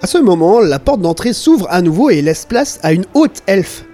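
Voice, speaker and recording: A man narrating a tabletop game as game master, in a lively, animated way. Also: sits high, normal speed, faint music behind.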